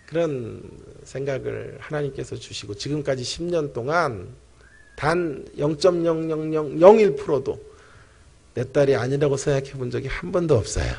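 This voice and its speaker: A middle-aged man, a pastor and professor, preaching a sermon and telling a personal story with animated storytelling, speaking straight to the congregation. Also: mid-range voice, gravelly, husky. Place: church sanctuary.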